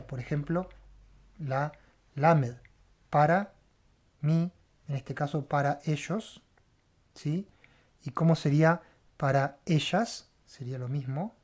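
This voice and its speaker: A mid-range, slightly mellow voice proceeds at a measured pace with frequent pauses. This Hebrew teacher walks through a Bible language lesson word by word, spelling letters, repeating sounds and asking "right?" after every step.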